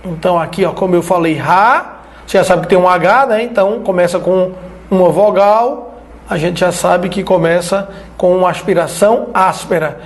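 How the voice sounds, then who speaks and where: A man from Brazil teaching an online Biblical Greek lesson, explaining slowly and checking in with his listeners as he writes on the screen. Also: sits high, fairly even intonation.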